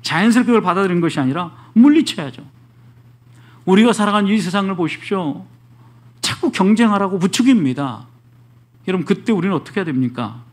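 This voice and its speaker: A male pastor delivering a Friday worship sermon, often acting out the grumbling thoughts of believers and God's rebuke. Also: sits high. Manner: expressive preaching that acts out the inner voices of believers.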